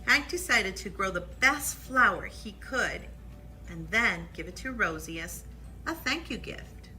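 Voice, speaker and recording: A woman's voice: medium pitch, soft background music, poor audio. A woman reading a children's picture book aloud at storytime, expressively, with asides on the pictures. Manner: expressive, pauses to point out pictures. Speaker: library storytime reader.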